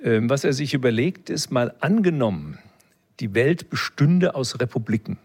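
Mid-range, sing-song and slightly rough with a darkish tone, this man's voice moves at a moderate pace. He is a philosophy expert being interviewed, giving reflective, professor-style explanations that include small check-in tags.

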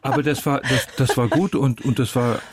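A man's voice: medium pitch, fairly even intonation, moderate pace, breathy edge, no room sound. An older man, an actor, telling stories from his life in a reflective, rambling way as an interview guest. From born in the USA, raised in Germany. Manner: reflective, anecdotal, with frequent restarts. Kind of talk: relaxed interview conversation.

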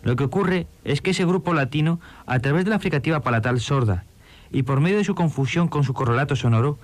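A man's voice: a little high, fairly quick, dry recording. A man giving a precise, academic philology lecture on an archival radio broadcast.

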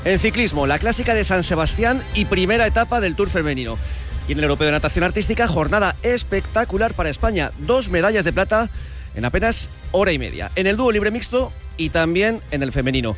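A man hosting a radio sports program, running through the headlines at a brisk presenter's pace. His voice sits a little higher than most men's. A faint music bed plays underneath. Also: lively intonation, fairly bright tone. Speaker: radio sports show host.

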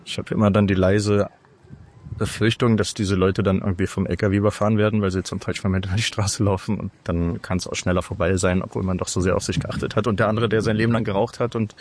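A man's voice: lowish voice, steady tone, quick pace, a little mellow, slight background noise. A man answering a street interview, candid and joking. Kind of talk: street vox pop.

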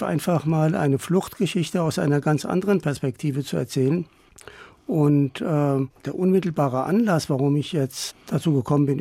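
An older novelist from Iran, answering interview questions in a radio studio in a relaxed, hesitant way. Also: male voice, a little high, no room sound. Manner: relaxed, thoughtful, with many hesitations. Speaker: novelist guest. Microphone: studio microphone.

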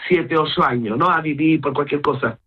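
A middle-aged woman from Gibraltar with a Llanito accent chats in a casual conversational interview, switching between Spanish and English mid-sentence. Her low voice has a breathy edge at normal speed, coming through a tinny, phone-like line.

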